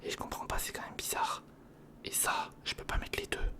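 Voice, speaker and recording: Close to a studio condenser or handheld recorder, an ASMR video creator whispers breathily without voicing, muttering at a moderate pace while their hands are busy. Short slang phrases come up again and again.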